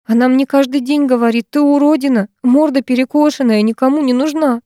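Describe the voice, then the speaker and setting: A woman's voice: sits high, steady tone, warm tone, no room sound, studio quality, voice pushed up, natural voice. A woman narrator voicing a distraught young woman who pleads and sobs in frantic outbursts. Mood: tearful. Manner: rushed, pleading, sobbing outbursts.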